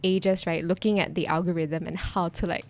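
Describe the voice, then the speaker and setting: A woman's voice: lowish voice, little pitch movement, moderate pace. A young woman, a teacher and content creator, chatting as a podcast guest, friendly and laughing often. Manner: friendly, laughs often, many likes and ums. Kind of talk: casual interview chat.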